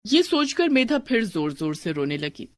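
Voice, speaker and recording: A woman narrating a scripted children's story in a clear, expressive way. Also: medium pitch, moderate pace, no echo.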